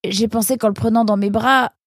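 A man's voice: high voice, fairly even intonation, a little fast, fairly bright tone, dry recording, studio quality, pitched above the performer's own voice. A man voicing a tender-hearted young male fox in a storybook reading, pleading and indignant.

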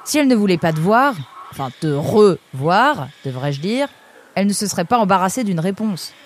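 A woman's voice: medium pitch, very animated, a little hiss or hum, natural voice. A woman voicing a cheeky male friend who teases and cheers up his pal. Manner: cheeky, encouraging, quick. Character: teasing, upbeat male best friend.

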